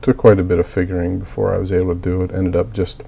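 A man's voice: sits low, flat delivery, quick pace, gravelly, dark tone, breathy edge. A man recovering from a cold, coughing at times, plainly and methodically walking through a hobby build with frequent fillers. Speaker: miniature hobbyist. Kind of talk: casual tutorial walkthrough.

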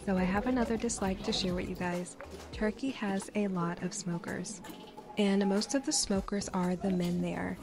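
A woman's voice: mid-range voice, steady tone, normal speed. Chatty woman vlogger, light music behind. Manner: chatty, informal narration. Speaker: travel vlogger. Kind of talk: travel vlog voice-over.

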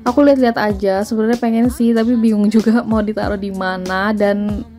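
A woman's voice: mid-range voice, fairly even intonation, a little fast, mellow, soft background music. A woman, chatting through a grocery haul voice-over and listing prices. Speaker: vlogger.

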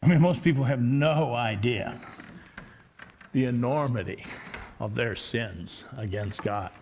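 Gravelly-voiced man preaching a sermon. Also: medium pitch, measured pace, a little hiss or hum. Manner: emphatic, swings between loud and quiet, quotes scripture dramatically. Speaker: pastor.

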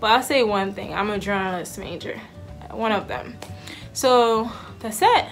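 A woman's voice: mid-range voice, unhurried, faint music behind. Chatty young woman vlogging to camera. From Haiti. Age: 20s. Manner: chatty, giggly, with many fillers. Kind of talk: casual introduction to camera. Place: indoors, small room with backdrop. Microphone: camera in front, head and shoulders.

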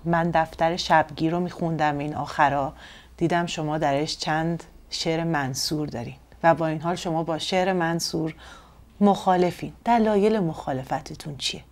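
A woman interviewer asking calm, measured questions. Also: sits low.

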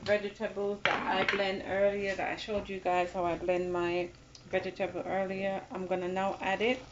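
A woman's voice: mid-range voice, flat delivery, moderate pace. Chatty woman giving a home cooking tutorial. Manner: chatty, repeats instructions, addresses viewers as guys. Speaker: cooking channel host. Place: home kitchen at a gas stove. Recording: dull lo-fi phone audio with background noise.

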